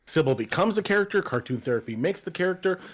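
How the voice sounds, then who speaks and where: A man's voice: high-pitched, lively intonation, fast talker. Chatty male stream guest. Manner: chatty, jokey, storytelling. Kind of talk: casual chat.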